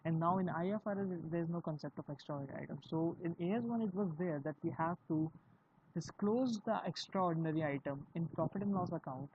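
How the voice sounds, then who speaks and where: A speaker with an Indian accent giving an explanatory video lesson on accounting, talking in a halting way with frequent fillers. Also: medium pitch. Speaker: accounting teacher. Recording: dull lo-fi recording with faint hiss.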